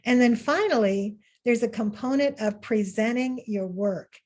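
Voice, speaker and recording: A woman's voice: a little high, measured pace, a little mellow. Upbeat woman teaching an art webinar. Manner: upbeat, encouraging, with fillers and restarts. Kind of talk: webinar lesson. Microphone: video call.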